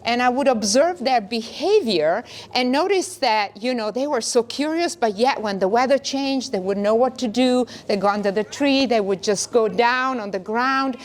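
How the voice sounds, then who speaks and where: Earnest middle-aged lady, a bit high voice, rambles on in long phrases. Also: expressive, normal speed, hardly any pauses. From northern Italy. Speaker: wellness co-host. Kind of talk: casual conversation.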